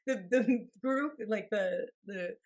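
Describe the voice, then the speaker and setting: A woman in her thirties, co-hosting a podcast, telling stories in a lively casual way with swearing and laughs. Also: mid-range voice, takes it slowly, crowd noise. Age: 30s. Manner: animated storytelling, swearing and laughing. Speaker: podcast co-host. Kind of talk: casual chat.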